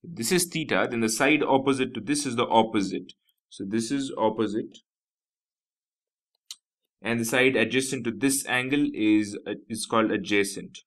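Indian English male math tutor, bright tone, patient explaining with frequent "you know". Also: mid-range voice, moderate pace. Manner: explanatory, repeats key terms, frequent "nothing but" and "you know". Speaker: math teacher. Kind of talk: whiteboard math lesson.

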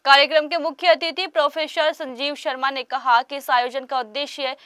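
A woman narrating a news report in a formal, even voice-over. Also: high voice, normal speed, no echo, studio quality.

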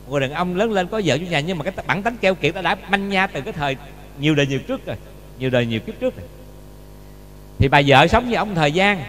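A Buddhist monk gives a dharma talk, telling a story and often asking the listeners rhetorical questions. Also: male voice, fairly high pitch, expressive, fast talker, a bit bright. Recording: long reverb with faint hum.

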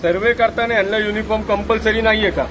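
A man with a fairly high voice fires question after question at officials in a heated street confrontation. He keeps repeating his demands in a hard, interrogating tone. He is filming on a phone outdoors, with faint noise behind him. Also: steady tone, fast. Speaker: citizen activist confronting officials. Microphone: phone camera filming live.

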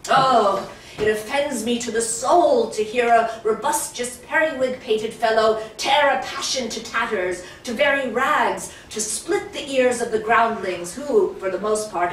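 A woman reciting the role of Hamlet, a young prince earnestly coaching actors, in measured, declamatory verse that often drops to a hush. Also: fairly high pitch, a little hiss or hum, lightly acted. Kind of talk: Shakespeare stage recitation. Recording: very echoey room, distant mic.

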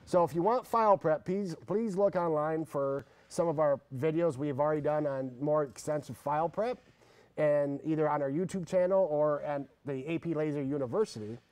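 A middle-aged man hosting a workshop, talking casually in a slightly monotone, rambling way with restarts. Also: on the high side, normal speed, dry recording. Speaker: workshop host. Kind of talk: casual instructional talk.

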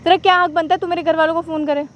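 High, fast-talking young woman. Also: fairly even intonation. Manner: curt, scolding and dismissive. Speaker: vlogger's partner. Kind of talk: staged couple argument vlog.

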